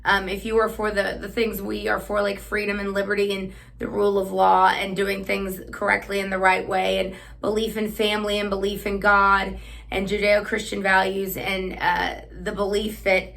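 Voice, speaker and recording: A woman's voice: mid-range voice, monotone, normal speed, creaky, a bit bright. A woman hosting a political commentary monologue, talking in a sarcastic, combative way. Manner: sarcastic, combative, with frequent fillers and restarts. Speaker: host.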